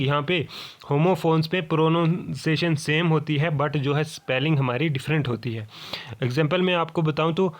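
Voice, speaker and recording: A man teaching a grammar lesson for exam preparation, reading example sentences slowly word by word and checking in with "okay" often. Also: on the high side. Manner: explains slowly, reads example sentences word by word, repeats "ठीक है".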